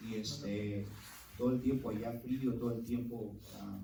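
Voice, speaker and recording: A man's voice: medium pitch, steady tone, moderate pace, creaky, warm tone, a little hiss or hum. A man preaching a sermon, telling a story earnestly with many fillers like "este" and "eh". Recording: roomy echo, mic far off.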